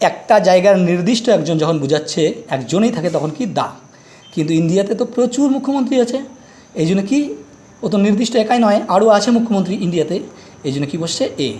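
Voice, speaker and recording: Male English tutor, middle-aged, higher-pitched voice, patient step-by-step explanations with quick check questions. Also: sing-song, darkish tone. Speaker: English teacher. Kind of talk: grammar lesson explaining articles.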